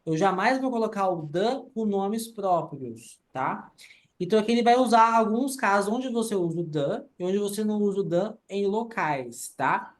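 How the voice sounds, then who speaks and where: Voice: medium pitch, animated, normal speed. A teacher talks through grammar rules one at a time. The delivery is methodical, with frequent short check-ins to the class. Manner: explains rules step by step, often ends with "tá?". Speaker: English teacher.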